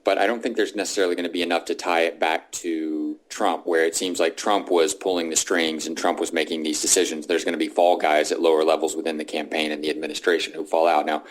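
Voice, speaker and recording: A man's voice: extremely low pitch, little pitch movement, fast talker, hardly any pauses. A man joining a casual political podcast chat, explaining his views steadily and with confidence. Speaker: podcast panelist.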